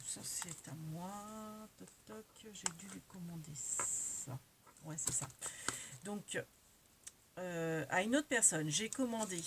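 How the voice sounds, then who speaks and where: A woman with a medium-pitched voice shows off the craft supplies she bought, talking casually over a noisy background. This crafting vlogger is chatty and hesitant, using lots of fillers and often correcting herself.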